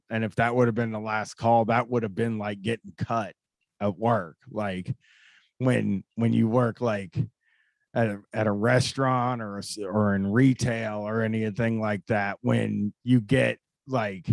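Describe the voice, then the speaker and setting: A man's voice: medium pitch, creaky, dry recording. An American man hosting a call-in show, talking in a casual, rambling, informal way with some swearing.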